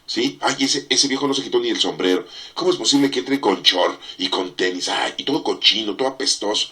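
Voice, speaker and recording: A man's voice: medium pitch, a little fast, sharp tone. A man mimicking a catty gossiping churchgoer. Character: nosy gossiping churchgoer judging others at mass.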